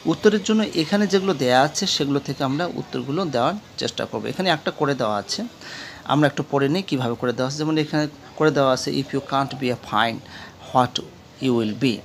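A male tutor with a Bangladeshi accent talks through a textbook chapter, asking the class a question and then answering it himself. His voice sits at an ordinary pitch with a gravelly edge. There is a faint hiss of background noise behind him. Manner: asks questions and answers them himself, repeats key words slowly. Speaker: English teacher. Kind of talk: classroom lesson explaining a textbook.

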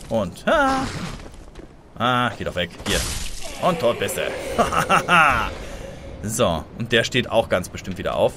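Easily startled and full of excitement, a medium-pitched man talks to viewers during a blind let's play, adding small sound effects along the way. Background noise is audible.

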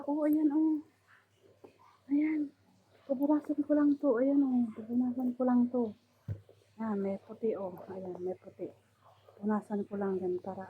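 A woman's voice: a little high, slight background noise. Chatty woman vlogger, tinny phone sound. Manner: chatty, many fillers, showing items to camera. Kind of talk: casual vlog. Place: indoors, room of a household abroad.

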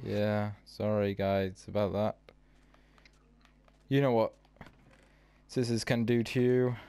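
Laid-back gaming host guy, smooth clear voice, chill chat. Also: on the low side, steady tone, slow, mellow. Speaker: channel host. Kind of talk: casual gameplay chat.

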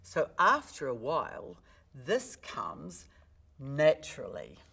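A woman's voice: slow, creaky, husky. A woman speaking coach, explaining technique in a podcast interview and acting out her examples. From New Zealand. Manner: expressive, demonstrates pitch with big vocal swings.

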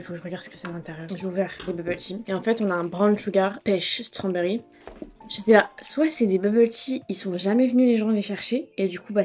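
A woman's voice: mid-range voice, darkish tone. A woman vlogging casually to a phone camera, chatty and slangy, with a blocked nose and congested throat. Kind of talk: casual vlog chat.

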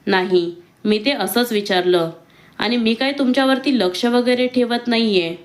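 A woman voicing a timid, hesitant young woman in a read-aloud romance story, speaking with soft pleading. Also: fairly high pitch, moderate pace, lightly acted. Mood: questioning.

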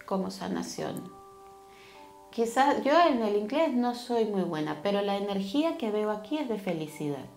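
A woman's voice: mid-range voice, animated, normal speed, creaky, a little mellow, soft background music. A woman reading tarot cards for her viewers, speaking affectionately and tagging her sentences with little questions. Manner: affectionate, with frequent tag questions. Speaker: tarot card reader.

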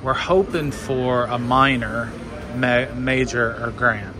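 A slot machine vlogger coaches a friend at a machine on an indoor casino floor, giving casual live commentary in short bursts, counting along and urging the game on. Loud machine music fills the busy casino. His voice is medium-pitched and slow, with background noise.

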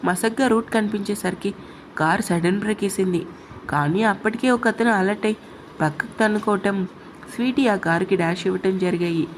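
A woman narrating an emotional love story in a steady, expressive storytelling voice. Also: medium pitch, moderate pace, slight background noise, poor audio. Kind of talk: dramatic audio story narration.

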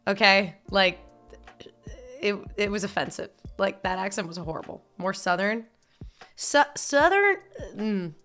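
Blunt young woman from upstate New York, casual streamer chat, bright voice, faint music behind. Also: medium pitch, steady tone, normal speed. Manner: blunt, candid, swears casually. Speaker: live streamer. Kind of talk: casual live-stream chat, reading viewer messages.

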